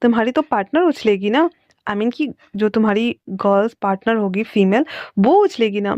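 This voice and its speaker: A woman voicing a reserved, quietly wry young man, in a dull lo-fi recording. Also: medium pitch, lively intonation, moderate pace, no echo, lightly acted.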